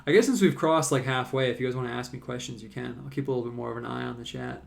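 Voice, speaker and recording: A man's voice: mid-range voice, very fast, vocal fry. A man chatting casually on a live stream as he paints, rambling loosely with lots of fillers. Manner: rambling, relaxed, many "like"s and fillers.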